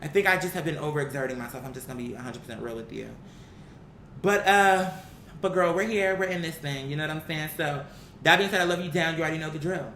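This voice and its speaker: Speaking quickly and brightly, this blunt American vlogger delivers casual, opinionated commentary straight to viewers. She's emphatic and slangy, leaning on rhetorical questions and acted-out quotes, and the recording has a roomy echo with a low, faint rumbling.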